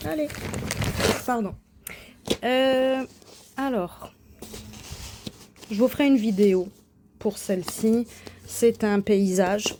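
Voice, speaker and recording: A Québécoise craft channel host shows off her coloring and embroidery in a casual vlog, hesitating often and restarting her sentences amid plenty of fillers. Her medium-pitched voice is warm, with a faint hiss or hum behind it.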